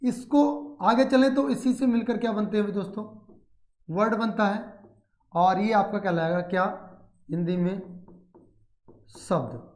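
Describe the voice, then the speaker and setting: A man with an Indian accent teaching a grammar lesson, asking and answering his own questions and dictating slowly word by word. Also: high voice, darkish tone, roomy sound. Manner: explains in Hindi mixed with English, asks and answers his own questions.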